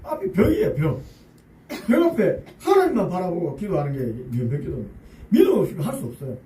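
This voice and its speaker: A man preaching as pastor, talking in a lively, conversational way, with rhetorical questions and humorous asides for the congregation. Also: on the high side, fast talker, a little hiss or hum. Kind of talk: sermon. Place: church sanctuary. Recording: echoey church room, voice picked up from a distance.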